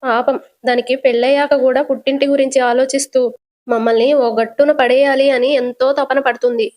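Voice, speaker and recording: Tearful widowed mother figure, weeping and scolding, slow and high, performed by a woman narrator. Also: natural voice. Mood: tearful prayer. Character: older widowed mother, tearful and cursing her son.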